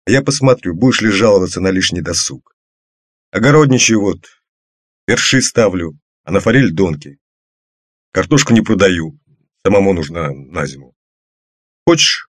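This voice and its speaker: A man voicing a gruff, suspicious retired older man who talks curtly and grumbles. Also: on the low side, big pitch swings, normal speed, pauses often, no room sound, studio quality. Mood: grumbling. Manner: curt, grumbling.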